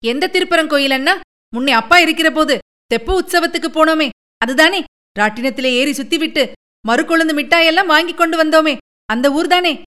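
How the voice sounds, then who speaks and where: A woman's voice: high-pitched, fairly quick, voice pushed up. A woman reading a story and voicing a playful young village girl who coaxes her older brother in a sing-song voice. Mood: excited. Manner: pleading, sing-song, excitable. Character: lively young village girl, playful, coaxing little sister.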